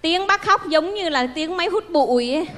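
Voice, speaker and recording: A woman's voice: very high voice, lively intonation, a little fast, a crowd in the background. A woman with a Northern Vietnamese accent in a stage comedy sketch, playing naive and asking questions. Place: theater stage. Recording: reverberant stage hall, faint music.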